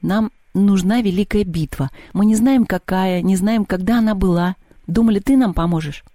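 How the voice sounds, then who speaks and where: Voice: medium pitch, normal speed, warm tone, dry recording, clean studio sound, voice pushed up, close to an everyday voice. A reader voicing a polite, earnest girl asking for help. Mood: pleading. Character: earnest schoolgirl, polite and pleading.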